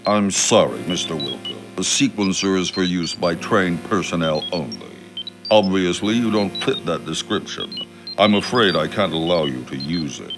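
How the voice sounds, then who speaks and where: An actor playing a purple blob alien medical attendant in a 1990s computer game, refusing in a calm, cold, measured way like a menacing computer. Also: male voice, sits low. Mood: calm refusal. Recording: game audio with music behind.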